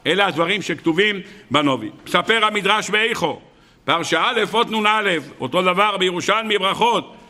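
A man's voice: high voice, sharp tone, long reverb tail. A man teaching a religious lesson, telling a story and asking rhetorical questions that he then answers. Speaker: Torah teacher.

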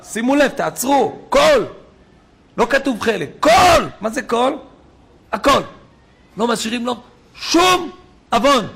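A man preaching a sermon, fiery, swinging between shouted emphasis and quiet storytelling. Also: very high voice, expressive, creaky, pauses often, slight background noise.

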